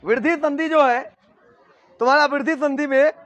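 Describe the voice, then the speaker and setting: Male teacher, unusually high voice, slow, repeats key words and keeps checking understanding; classroom grammar lesson, dull lo-fi recording. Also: steady tone, a bit bright.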